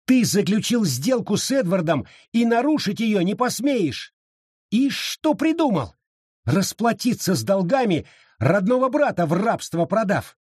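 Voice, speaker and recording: A man putting on a defiant young wife, high and husky. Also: very animated, unhurried, dry recording, clean studio sound, heavily acted. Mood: shouting. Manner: sharp, indignant, defiant. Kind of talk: audiobook reading.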